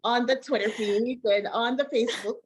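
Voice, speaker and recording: A woman's voice: fairly high pitch, fairly even intonation, moderate pace, a little hiss or hum. A woman hosting a podcast interview, speaking in an effusive, conversational way and laughing often. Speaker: podcast host.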